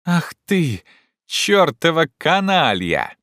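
A man voicing an excitable, feverish gentleman who shouts with loud urgency. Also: a little high, slow, no echo, clean studio sound, pitched above the performer's own voice, full character voice. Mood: agitated shouting.

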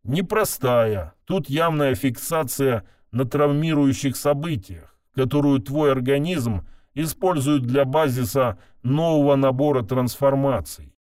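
A man reading an audiobook voices a woman curator whose disguised voice comes through a speaker, harsh and metallic, calm and clinical. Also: mid-range voice, unhurried, dry recording, clean studio sound. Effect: harsh metallic loudspeaker voice. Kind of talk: audiobook narration with voiced characters.

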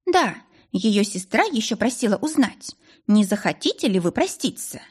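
A woman's voice: mid-range voice, very animated, normal speed, slightly rough. A woman reading an audiobook, voicing a stern, blunt older housemaid who grumbles. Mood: grumbling.

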